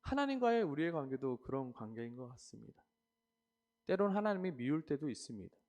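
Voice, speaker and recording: A man's voice: on the high side, sing-song, brisk. Earnest male preacher. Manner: earnest, swelling in emphasis then softening. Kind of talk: devotional sermon.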